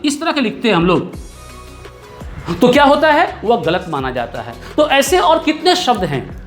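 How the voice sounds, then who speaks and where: A man's voice: extremely high pitch, a bit bright. A man teaching a grammar lesson, explaining patiently, repeating key terms and checking in with the class. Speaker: Hindi teacher.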